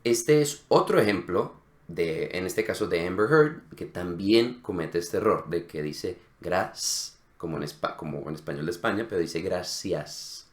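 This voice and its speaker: A man's voice: low-pitched, lively intonation, normal speed, reverberant. A man co-hosting a casual Spanish lesson, explaining accents and demonstrating sounds. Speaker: Spanish teacher co-host.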